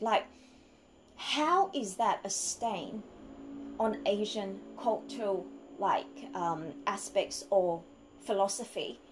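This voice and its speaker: A woman's voice: medium pitch, a little hiss or hum, poor audio. A woman from Australia, delivering an argumentative opinion monologue full of rhetorical questions. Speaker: vlogger.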